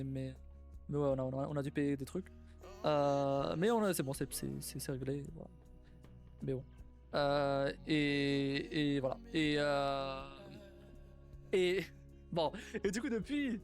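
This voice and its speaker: A young man with a slightly higher voice talks casually on a live stream, rambling and swearing as he goes. Faint music plays softly behind him. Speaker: streamer and game developer.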